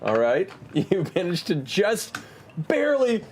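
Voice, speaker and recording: A man's voice: sits high, wildly swooping pitch, measured pace, darkish tone, a little hiss or hum. A man running a tabletop game, narrating the action with frequent laughter. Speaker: game master.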